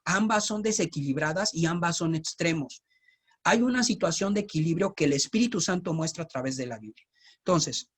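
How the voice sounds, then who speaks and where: A man's voice: on the high side, fairly bright tone. Mexico City man teaching the Bible casually. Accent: Mexico City Spanish. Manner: informal, joking asides, frequent tag questions.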